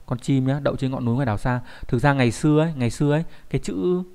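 A man teaches kanji in an online lesson. His pitch sits in the middle range. He keeps checking in with the class through rhetorical questions as he explains. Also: very fast, warm tone, smooth.

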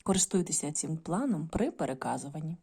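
Mellow woman teaching a children's lesson. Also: sits low, expressive, a little fast, vocal fry, husky. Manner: patient, instructive, often addressing the children directly. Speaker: primary school teacher.

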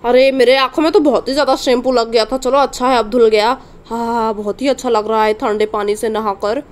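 A woman's voice: on the high side, fairly even intonation, a little fast, lightly acted. A woman voicing an easygoing, chatty village husband and father in a doll story. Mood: cheerful.

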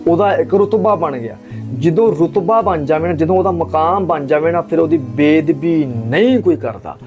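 A religious speaker delivers an impassioned talk in a fairly high male voice, pressing his audience with rhetorical questions and repeated phrases. He comes from Pakistan. Soft music plays faintly underneath. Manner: rhetorical questions and emphatic repetition.

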